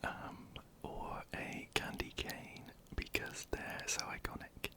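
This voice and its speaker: Hesitant whispering ASMR creator. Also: slow pace. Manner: soft, hesitant, many ums and restarts. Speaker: ASMR creator answering viewer questions.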